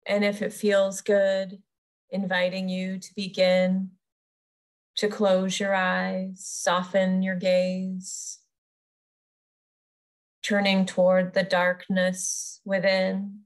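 This guided meditation comes from a woman who teaches yoga nidra, speaking in short phrases with pauses in between. Her delivery is soothing and unhurried, monotone at a medium pitch.

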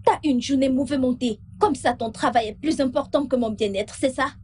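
A woman's voice: high voice, fairly quick, dark tone, slight background noise, close to an everyday voice. A woman dubbing a haughty young senator's daughter who speaks to her boyfriend with cutting scorn. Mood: scornful. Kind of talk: French dub of a film.

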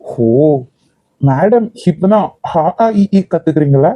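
A man's voice: a little high, expressive, takes it slowly, dry recording, lo-fi sound. A young man voicing a playful, teasing husband in a cartoon. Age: young adult. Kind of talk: cartoon voice acting.

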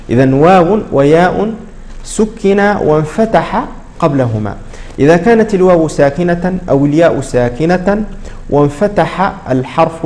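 Patient man teaching Quran recitation, fairly high-pitched. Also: darkish tone. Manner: explains patiently, repeating words slowly to model pronunciation. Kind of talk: tajweed lesson.

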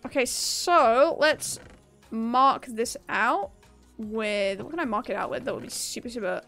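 This gaming streamer is a young woman whose fairly high voice comes across gravelly and a bit bright. She's unhurried as she chats casually and cheerfully with her viewers, laughing often, with soft music in the background.

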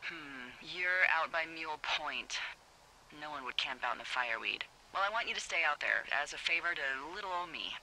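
An actress voicing a wry, teasing woman fire lookout who talks over the radio in a video game, playful and quick to laugh. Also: deep voice, expressive, pushed and bright, a little hiss or hum, exaggerated voice, low-quality recording.

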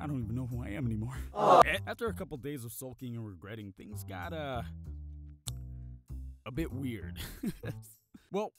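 A young adult man telling a comedic scripted personal story in an exaggerated, slangy way as a narrator. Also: medium pitch. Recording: voice-over with background music. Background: music.

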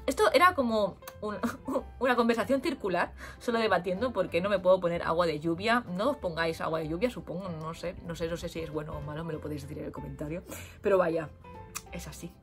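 A young woman from Spain, a teacher in Japan, telling funny classroom stories in an animated way and acting out the children's voices. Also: lowish voice, fast talker, soft background music. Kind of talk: storytelling vlog.

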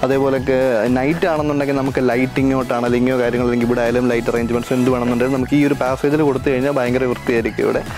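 A Kerala man with a Malayali accent, an event planner and vlog host, gives a casual, practical venue walkthrough, explaining things and mixing in English terms. His mid-range voice is level and racing, with music in the background.

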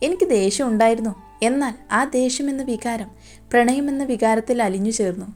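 A woman's voice: fairly high pitch, a little fast, darkish tone, soft background music, lightly acted. Woman voicing a brooding young boss in love. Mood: tender. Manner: tender, possessive declarations.

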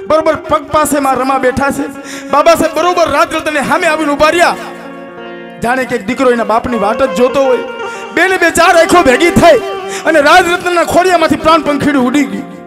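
A man with a Kathiawadi Gujarati accent telling a folk story with music in an impassioned, declamatory way, moving from hushed to shouting. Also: very high-pitched, brisk. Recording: music playing behind.

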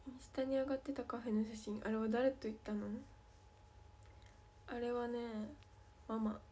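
High-voiced playful Kansai woman. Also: steady tone, moderate pace, warm tone, a little hiss or hum. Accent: Kansai Japanese. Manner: playful, chatty, reads comments aloud and answers. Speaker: idol livestreamer answering fan comments. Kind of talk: casual livestream chat.

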